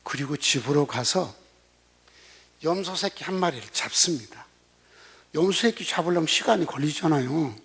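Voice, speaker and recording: A man's voice: fairly high pitch, animated, normal speed, long pauses, fairly bright tone. An older man preaching a sermon as a senior pastor, telling the story in a blunt, colloquial way and throwing rhetorical questions at the congregation.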